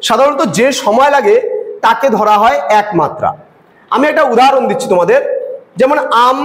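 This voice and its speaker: A male teacher giving an online lecture, explaining slowly and repeating examples. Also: extremely high pitch, roomy sound, poor audio.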